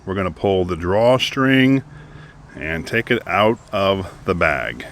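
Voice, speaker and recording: A man's voice: low voice, expressive, slow pace, a bit bright, slight background noise. A man chatting casually and upbeatly as he reviews a product, partly outdoors at a beach. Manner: chatty, upbeat, thinking aloud.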